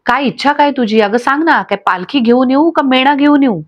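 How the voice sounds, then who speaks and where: A woman's voice: high-pitched, brisk. A woman voicing a short-tempered, domineering husband who scolds and insults his wife, in a dull lo-fi recording. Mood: angry scolding.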